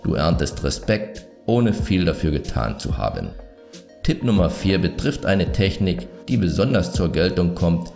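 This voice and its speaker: A man narrating a scripted self-improvement video, giving advice in a calm, measured, self-assured way. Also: very deep voice, creaky.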